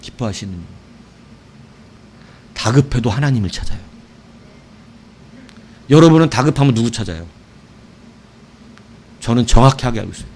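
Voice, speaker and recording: A middle-aged male pastor preaching an evening sermon, telling stories with animated shouts and asking his congregation questions. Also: medium pitch, moderate pace, pauses often, slightly rough.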